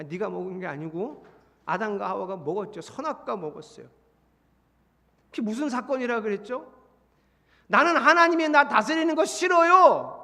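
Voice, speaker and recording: A middle-aged male pastor preaching a sermon in a church, lively, with rhetorical questions and acted-out dialogue. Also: very high voice. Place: church sanctuary. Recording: long church reverb.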